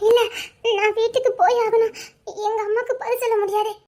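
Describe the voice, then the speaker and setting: A scared young woman, very high voice. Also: little pitch movement, a little fast, dark tone. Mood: pleading. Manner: pleading, tearful. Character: frightened young woman pleading to go home.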